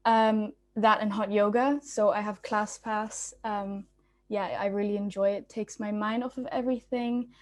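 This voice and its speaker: A woman's voice: medium pitch, little pitch movement, unhurried. A young woman from Belgium, a student speaker, giving a casual, informal talk on a video call with many ums and restarts. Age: young adult.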